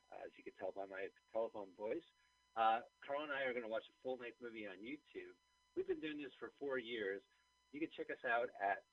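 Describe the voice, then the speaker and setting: A man's voice: on the low side, a bit bright, no echo. A man hosting a podcast over the phone, chatty and plugging the show. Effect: talking over the phone. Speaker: podcast host. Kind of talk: casual podcast chat. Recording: muffled telephone line.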